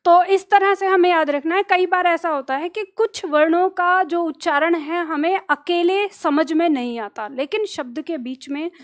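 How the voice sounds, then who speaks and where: A woman teaching an online Hindi lesson, explaining step by step, putting questions to her students and answering them herself. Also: extremely high pitch. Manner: slows down and drags out letter sounds to demonstrate pronunciation. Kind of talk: online exam-prep lesson.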